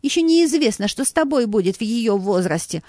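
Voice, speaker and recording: A woman voicing a defensive, sharp-tongued grown daughter who snaps back reproachfully, in a read-aloud story. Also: fairly high pitch, animated, brisk, no room sound, clean studio sound, close to an everyday voice. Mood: snappy, defensive. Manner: snappy, reproachful.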